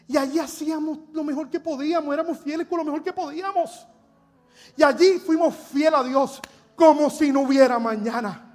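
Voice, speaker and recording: A middle-aged Puerto Rican pastor preaching with an unusually high voice for a man. His Puerto Rican Spanish accent carries through an earnest, emphatic sermon delivery. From Puerto Rico.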